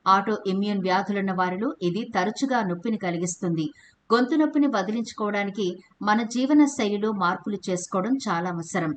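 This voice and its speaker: A woman with a mid-range voice narrates a home remedy video in a steady, explanatory voice-over. She greets viewers as friends and walks through each step plainly. A faint hiss of noise sits under the recording. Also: medium pitch. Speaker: home remedy channel host.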